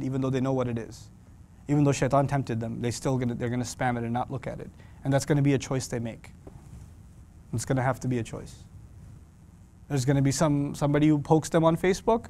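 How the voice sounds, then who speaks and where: A man giving an Islamic lecture to young people, animated and jokey, acting out little scenes as he talks. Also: a little high. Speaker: Quran teacher.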